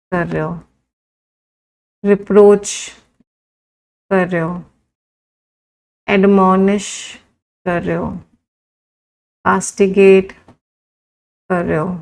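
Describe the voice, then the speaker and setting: Indian woman teaching english vocab online, rattles off word lists and dictates slowly. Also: mid-range voice, gravelly. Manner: lists synonyms in a steady drill, slowing to dictate idioms. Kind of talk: live online vocabulary lesson.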